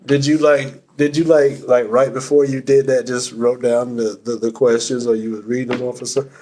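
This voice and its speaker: A father chatting casually on his son's podcast, joking and teasing, with frequent halting restarts. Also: medium pitch, level tone, dark tone. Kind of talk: casual chat.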